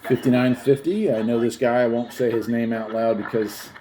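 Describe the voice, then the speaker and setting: Steady and dark in tone, this mid-range male voice moves at a moderate pace while its owner, a YouTube host, rambles happily through a casual gadget demonstration. Another person films him on a phone camera, picking up faint background noise.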